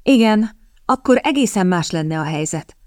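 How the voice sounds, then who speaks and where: A woman reading the part of a quick-witted young woman hunting a rich husband, teasing and sharp-tongued. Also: fairly low pitch, expressive, no room sound, studio quality, lightly acted. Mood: playful.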